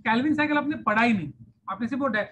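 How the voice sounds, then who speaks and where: A woman's voice: a little high, a little fast, fairly bright tone, a little hiss or hum. A woman with an Indian accent teaching a science class online, chatty and playful, switching between Hindi and English. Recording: dull lo-fi online class audio.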